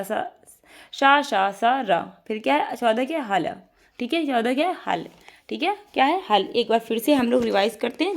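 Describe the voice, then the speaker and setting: A woman teacher giving an online exam-prep lesson, drilling her students by asking a question and answering it herself, repeating each item. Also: on the high side.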